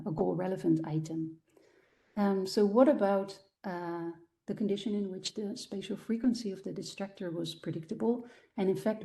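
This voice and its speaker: Woman lecturer, mellow tone, explanatory, full of ums and restarts, talk on research findings. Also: lowish voice, vocal fry. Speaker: guest lecturer.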